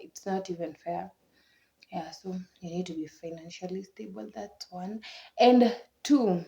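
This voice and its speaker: Young Kenyan woman, casual vlog chat, low-ish mellow voice, lo-fi sound. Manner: chatty, laughs often, repeats words for emphasis. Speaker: vlogger. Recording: dull lo-fi recording.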